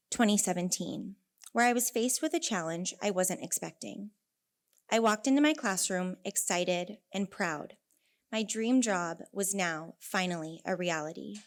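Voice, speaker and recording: Her mid-range voice is unhurried as she gives a prepared conference talk. The speaker, a young elementary teacher from Northern California with a California accent, is earnest and storytelling, adding wry asides now and then.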